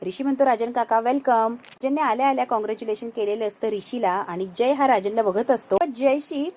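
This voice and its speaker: A woman narrating a TV serial episode recap in a lively storytelling manner, voicing each character. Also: fairly high pitch, a little fast.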